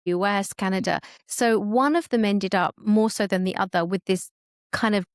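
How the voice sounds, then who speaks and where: A woman's voice: medium pitch, normal speed, no room sound. Female interview host, chatty and rambling, dry close sound. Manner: chatty, asks rambling multi-part questions. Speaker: podcast host. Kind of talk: casual interview chat.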